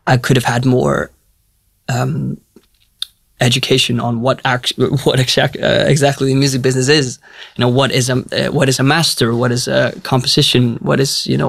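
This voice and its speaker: A man's voice: mid-range voice, gravelly, a bit bright, no echo. A young man from Iceland, a musician talking in an interview in a hesitant, reflective way with many restarts. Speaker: musician guest. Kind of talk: casual interview talk.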